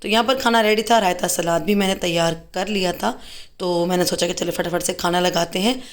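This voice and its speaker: A woman's voice: on the low side, fairly even intonation, brisk. A middle-aged Pakistani woman with a Pakistani accent narrating a casual home vlog, chatty and teasing her family. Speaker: vlogger. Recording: busy home with crowd chatter.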